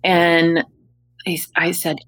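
A middle-aged woman hosting a casual interview, chatting in an animated, gushing way. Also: fairly low pitch, slow pace. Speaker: podcast host.

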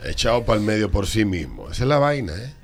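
A man's voice: on the low side, big pitch swings, brisk, faint music behind. A man hosting a casual radio talk show, joking and exclaiming often.

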